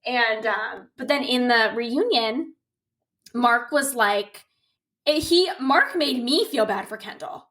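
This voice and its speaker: A woman co-hosting a podcast in casual chat, animated, swearing freely and acting out quotes. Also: on the high side, slow. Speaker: podcast co-host.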